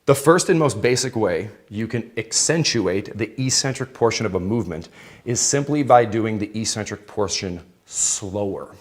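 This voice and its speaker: A man's voice: lowish voice, animated, moderate pace. Informal male fitness instructor explaining. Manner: informal, checks in with participants. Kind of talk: live exercise demonstration, explanatory and conversational. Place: indoor aerobics room with exercise bikes. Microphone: worn clip-on or headset mic.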